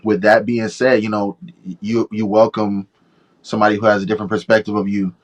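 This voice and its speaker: A man's voice: on the low side, little pitch movement, fairly quick. A man hosting a casual podcast chat, talking in a laid-back, thoughtful way with plenty of slang. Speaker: podcast host.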